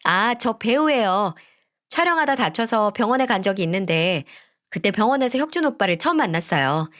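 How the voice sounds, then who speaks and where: A woman's voice: medium pitch, expressive, fairly quick, close to an everyday voice. A woman doing a snobbish young fiancée. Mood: sugary. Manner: sweet on the surface, dismissive and sharp underneath. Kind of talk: storybook voice acting.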